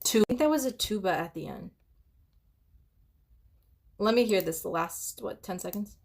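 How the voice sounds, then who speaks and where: A woman musician giving casual reaction commentary on an album, excitable and analytical, now and then humming or singing along. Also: mid-range voice, moderate pace, vocal fry. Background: the reviewed song playing loudly.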